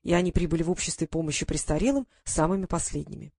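A woman narrating an audiobook in an even, measured reading. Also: sits low, creaky, no echo, clean studio sound. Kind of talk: scripted narration.

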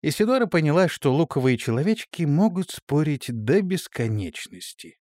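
A man narrating an audiobook in an expressive storytelling manner. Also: on the high side, normal speed, no echo, clean studio sound.

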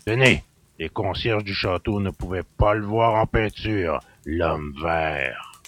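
An actor playing a gruff, suspicious country innkeeper who grumbles in rustic speech. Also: male voice, slow pace, fairly bright tone, full character voice. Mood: grumbling. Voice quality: gravelly, low and husky. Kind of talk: audio drama acting.

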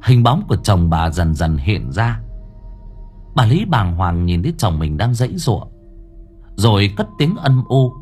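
A man narrating a horror story in an expressive, dramatic way. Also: lowish voice, a little slow, slightly rough. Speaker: audiobook narrator. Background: faint music.

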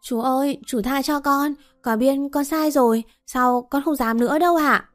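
A woman's voice: high voice, moderate pace, darkish tone, soft background music, pitched above the performer's own voice, natural voice. A woman voicing a bratty young boy who taunts and then begs in a raised voice. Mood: scared pleading.

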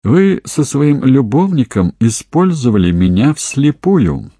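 A man's voice: mid-range voice, very animated, takes it slowly, dark tone, husky, no room sound, studio quality, pitched above the performer's own voice, exaggerated voice. A man voicing a scheming young woman friend who talks coldly and with a sneer, in an audiobook. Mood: mocking. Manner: cold, sneering.

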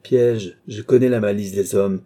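Brief: acrimonious philosopher, voiced by a male narrator, dark and husky. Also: fairly low pitch, steady tone, unhurried. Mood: bitter. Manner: sour, acrimonious. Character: bitter, suspicious aging philosopher.

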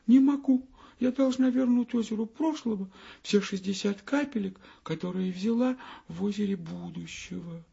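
A tiny tearful girl Minute, put on by a male storyteller in a thin, high, sobbing voice. Her words come out husky and a little gravelly. The audiobook recording sounds dull and lo-fi. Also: normal speed, dark tone, exaggerated voice.

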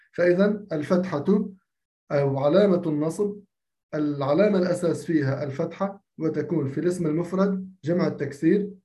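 A man teaching a grammar lesson to a class, repeating key phrases slowly and asking for questions. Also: fairly high pitch, mellow.

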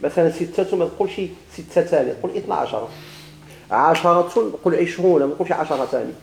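A man's voice: on the high side, fairly quick, vocal fry, echoey room, slight background noise, rough recording. A man with a Moroccan Arabic accent teaching a grammar lesson, asking questions and answering them himself with repeated examples.

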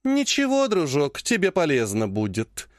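A man voicing a powerful woman clan head who speaks in a slow, honeyed yet threatening way. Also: sits high, sing-song, dry recording, clean studio sound. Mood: honeyed menace. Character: sweetly menacing older woman clan head.

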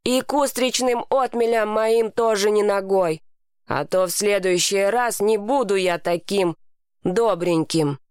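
A woman's voice: mid-range voice, a little slow, a little mellow, smooth, dry recording, natural voice. Cranky oysterman, put on by a woman, snappish, shrieking, dry close recording. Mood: shrill. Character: grumpy oysterman, shrill and threatening.

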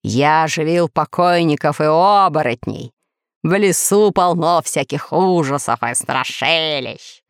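A woman voicing a boastful, scheming male villain who calmly brags about his monsters in a children's story. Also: low voice, a little slow, clean tone, no echo, studio quality. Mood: smug, boastful. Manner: calm, boastful.

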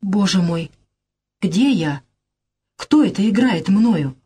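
A woman reading the part of a rash young gentleman who speaks in an agitated, blunt way. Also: medium pitch, animated, takes it slowly, husky.

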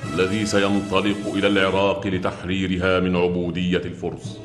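A man playing a stately herald who reads out the caliph's orders, measured and ceremonious, in a historical drama. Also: deep voice, monotone, natural voice. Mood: solemn, commanding. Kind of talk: formal proclamation in classical Arabic historical drama. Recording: echoey voice over background music.

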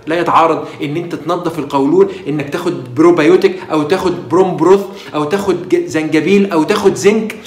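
A middle-aged man with an Egyptian Arabic accent, hosting a casual health talk and lecturing viewers with animated rhetorical questions. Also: high-pitched, reverberant. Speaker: health channel host.

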